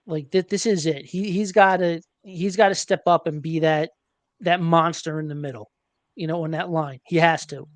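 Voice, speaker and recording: A man hosting a casual sports podcast, chatty and hesitant, filling pauses with ums and uhs. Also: a little high, fairly even intonation, dry recording. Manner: chatty, hesitant with many fillers. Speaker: podcast host.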